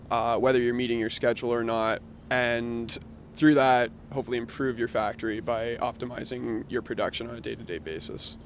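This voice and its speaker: A man's voice: mid-range voice, fairly bright tone, slight background noise. A man, a startup founder, explaining his product in an interview outdoors, hesitant with frequent fillers. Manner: explanatory, hesitant with many ums. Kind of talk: interview answers. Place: outdoor patio in a city.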